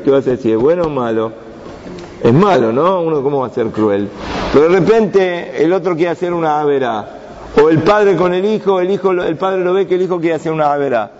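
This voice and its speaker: A man's voice: a little high, a little mellow. A man teaching a Torah lesson to young students, asking the class questions and answering them himself. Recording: dull sound with long reverb.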